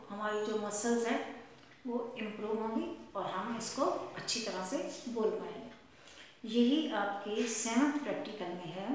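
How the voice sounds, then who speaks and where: A woman teacher explaining a practical lesson, repeating points patiently and reading English tongue twisters slowly and deliberately. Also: a little high. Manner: repetitive and explanatory, mixing Hindi with English phrases. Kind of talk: recorded classroom lesson. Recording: very echoey hall.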